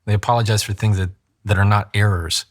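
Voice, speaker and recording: A man with a somewhat low voice speaks as an attorney coaching people on how to communicate. He explains his points in an interview, slipping into examples and acting out how other people talk. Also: steady tone, quick pace. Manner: acts out quoted voices, demonstrates pacing.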